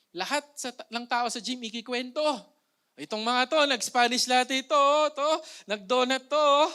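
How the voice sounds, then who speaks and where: Bright-voiced Filipino preacher, playful. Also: male voice, sits high. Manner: playful, joking, asks the congregation rhetorical questions. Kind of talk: conversational Taglish sermon.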